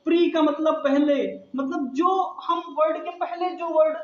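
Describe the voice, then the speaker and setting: A man's voice: very high-pitched, steady tone, measured pace. A male English grammar teacher with a Hindi accent, explaining step by step and often asking the class rhetorical questions. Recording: echoey room, dull lo-fi sound.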